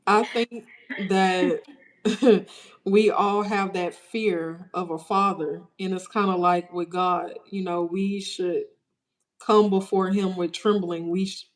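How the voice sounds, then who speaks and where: A woman's voice: on the low side, fairly even intonation, slow. A woman guest, a small business founder, answering earnestly in a faith-centered interview.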